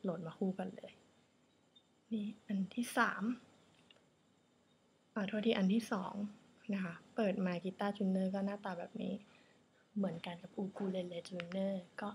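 A woman talks through a ukulele tuner app in a relaxed, chatty teaching style. She is polite and friendly and stops to correct her own slips. A faint hiss sits under the voice. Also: mid-range voice, brisk. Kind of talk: casual app demo tutorial.

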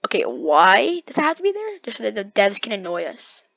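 A woman's voice: medium pitch, huge pitch swings, a little fast, creaky, fairly bright tone, dry recording. A young woman giving live gameplay commentary, talking to herself dramatically with slang and lots of repeated words. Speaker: gaming creator. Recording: dull lo-fi dry mic.

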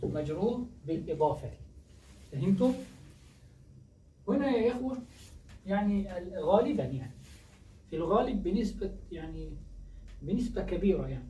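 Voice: medium pitch, animated, normal speed, pauses often, mellow. A teacher giving a grammar lesson who keeps asking questions and answering them, repeating key words. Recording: echoey distant dull recording, faint noise.

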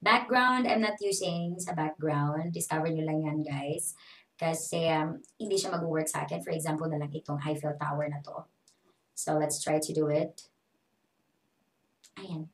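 Woman, Filipino accent, young adult, online teacher, chatty tutorial, slightly low voice, echoey room. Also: fairly even intonation, measured pace. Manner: chatty, switches between English and Tagalog. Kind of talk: casual tutorial vlog.

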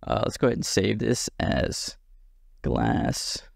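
A man teaching software in a casual screen-recorded lesson, chatty and self-deprecating, thinking aloud as he works. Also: on the low side, sing-song, slow, vocal fry, dry recording, studio quality. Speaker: software tutorial instructor.

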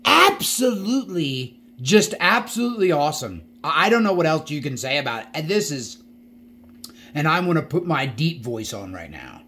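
A man hosting a casual diecast car showcase, excitedly repeating his praise and jumping higher in pitch when thrilled. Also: normal speed. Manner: excited, repeats phrases, gushing. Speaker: diecast collector vlogger.

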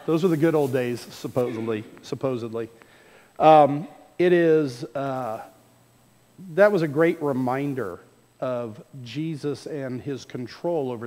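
Folksy pastor preaching in a hall. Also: male voice, on the high side, a little mellow. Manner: folksy, conversational. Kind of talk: sermon. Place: church sanctuary. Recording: reverberant church hall.

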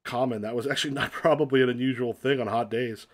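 A man's voice: mid-range voice, fairly even intonation, quick pace. A man acting as game master, telling jokey stories and wry asides between game narration. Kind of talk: improvised tabletop game narration and banter.

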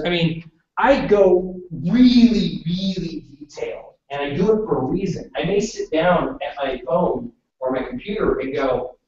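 A man from western Canada, specifically British Columbia, presents a workshop live to a classroom audience in a fairly high, somewhat mellow voice. He speaks chattily and keeps asking "okay?". The sound is roomy, distant and dull.

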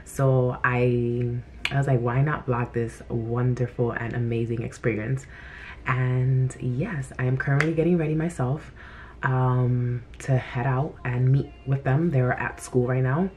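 A woman's voice: rumbling low, fairly even intonation, unhurried, noisy background. A woman, a dance teacher, chatting casually to her camera in an upbeat way as she speaks straight to her viewers. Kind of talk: casual vlog talk to camera.

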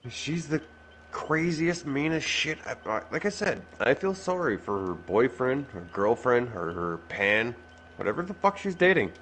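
A man chatting over a game with friends, crude and teasing, his pitch swinging widely as he talks. A faint hiss of noise sits under his voice. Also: big pitch swings, moderate pace, fairly bright tone. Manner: crude, teasing, laughs often. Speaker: streamer playing the killer. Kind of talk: casual gaming chat.

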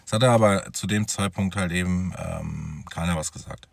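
A man's voice: low voice, moderate pace, creaky, no echo. A man telling his own story as a father in a personal vlog, talking straight to his viewers in a conversational way.

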